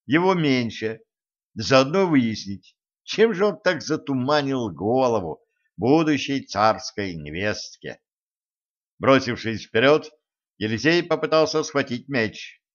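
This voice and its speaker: A man's voice: medium pitch, lively intonation, slow. Man narrating a fairy-tale audiobook. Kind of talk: storybook narration. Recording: dull lo-fi recording.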